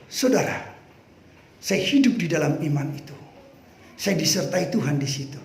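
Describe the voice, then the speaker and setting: A man preaching a sermon, animated and emphatic, breaking into shouts. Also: a little high, moderate pace, gravelly, slight background noise. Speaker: pastor. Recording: echoey room with faint ambience.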